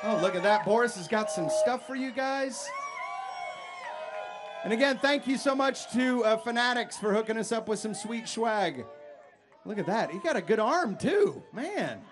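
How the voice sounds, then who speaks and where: A man hosting a live fan show on an outdoor stage at a racetrack, excitable and often shouting out to the crowd. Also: sits high, moderate pace, noisy background.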